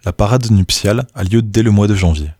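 A man reading scripted nature documentary narration in a measured, informative manner, with a husky voice. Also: on the low side, warm tone, no room sound, clean studio sound.

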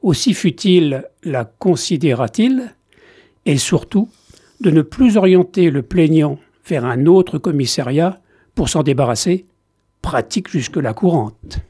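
A man reading a novel excerpt aloud in a measured, deliberate scripted narration. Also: on the high side, lively intonation, mellow, slightly rough, dry recording, clean studio sound. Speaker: reader of book excerpts.

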